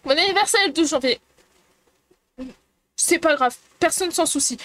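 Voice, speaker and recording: A woman's voice: extremely high pitch, moderate pace, a bit bright. A woman streamer chatting casually and playfully with her viewers, giggling and teasing the chat.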